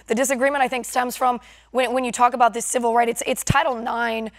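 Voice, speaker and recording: Woman, raspy and hoarse from laryngitis, TV host, quick talker, slightly high voice. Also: level tone. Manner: brisk, assertive questioning. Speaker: TV news show host. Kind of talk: political interview.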